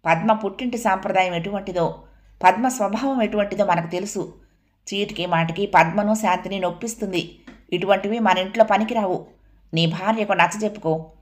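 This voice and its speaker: A woman's voice: medium pitch, brisk, lightly acted. A woman reading as a stern elderly mother. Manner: firm, reproachful. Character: stern elderly mother scolding her son.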